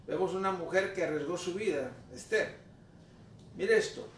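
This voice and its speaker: A male pastor preaching a sermon, posing rhetorical questions and swinging suddenly from soft to loud. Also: high-pitched, moderate pace. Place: church sanctuary. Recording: echoey church room, mic far off, faint background noise.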